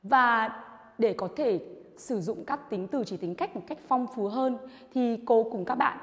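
A woman teaching an English lesson to primary school children, drilling words slowly and with emphasis. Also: fairly high pitch. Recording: reverberant room sound.

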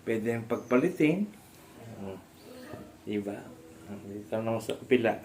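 A man from the Philippines, a stroke survivor, casually demonstrating home exercises with halting speech, frequent fillers and restarts, and often laughing as he explains. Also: on the low side, expressive, a little mellow, slight background noise. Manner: polite, addresses viewers respectfully. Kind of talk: casual instructional vlog.

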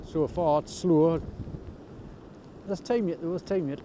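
This is an unhurried, warm-toned man's voice, on the high side, from North East England. He's an angler vlogger chatting casually with understated, self-deprecating humour while fishing from a rocky shore at night in the wind and rain, recorded on an outdoor camera with a little wind noise.

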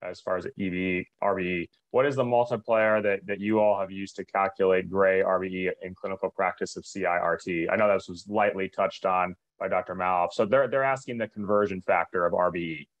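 Polite man moderating questions, low voice. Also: fairly even intonation, muffled recording. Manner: polite, reassuring, slightly rushed. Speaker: webinar moderator. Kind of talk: reading out audience questions.

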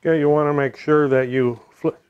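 Low-key middle-aged American man. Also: fairly even intonation, fairly quick, smooth, dull audio. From United States. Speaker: DIY repair video host. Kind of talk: casual hands-on repair narration. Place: home room, indoors.

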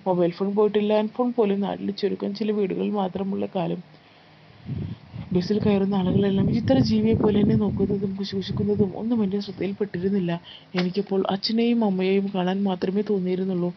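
A woman narrating a first-person life story in a calm, steady storytelling read. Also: medium pitch, fast talker, gravelly. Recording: slightly muffled with faint background noise.

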